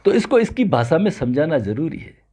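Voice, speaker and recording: Yoga teacher from Rajasthan, male, animated lecturer with a lively pitch who recites scripture. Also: fairly quick, husky. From Rajasthan, India. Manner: animated, recites Sanskrit verses. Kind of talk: spiritual lecture.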